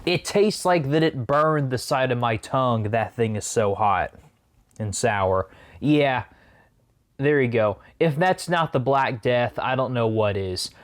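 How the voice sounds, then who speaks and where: A man's voice: mid-range voice, animated, measured pace. Man chatting while eating sour candy. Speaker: food challenge vlogger. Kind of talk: casual chat to camera.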